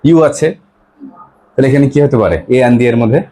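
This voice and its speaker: A male teacher, taking a grammar class. He asks his pupils questions over and over and repeats their answers back. He reads the English example sentences slowly and carefully. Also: medium pitch, dark tone. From West Bengal, India.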